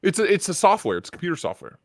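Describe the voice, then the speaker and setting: A man from Ohio talking through a software voice changer that shifts his voice deeper, chatting loosely and swearing as a guest on a live stream over a computer mic. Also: huge pitch swings, rapid-fire, vocal fry, no echo, studio quality. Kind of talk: casual chat.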